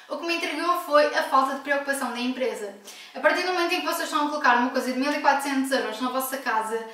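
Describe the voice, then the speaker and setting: With a high-pitched, sharp-toned voice, a woman from Portugal speaks frankly and forcefully in a casual vlog at home, sometimes correcting herself. Her European Portuguese accent comes through a distant mic in an echoey room.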